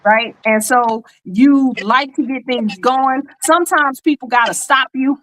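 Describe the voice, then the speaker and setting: A woman's voice: high-pitched, a little slow, a bit bright, rough recording. A woman hosting a casual livestream over a video call, talking with many fillers and frequent laughs. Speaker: host reading spiritual charts.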